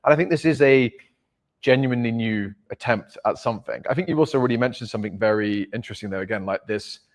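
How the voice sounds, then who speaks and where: A man's voice: medium pitch, fast talker. A man hosting a podcast, talking in a rambling, casual way, full of fillers and checking for agreement. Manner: rambling, filler-heavy, seeks agreement with "right?". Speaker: podcast host. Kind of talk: casual conversation.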